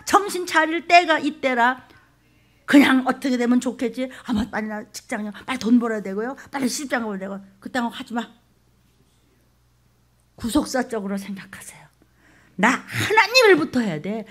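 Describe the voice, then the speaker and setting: Woman pastor preaching hard, highish voice, shouts then drops to a whisper. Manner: fervent, swings from shouted exhortation to hushed whispers. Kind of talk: sermon. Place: church.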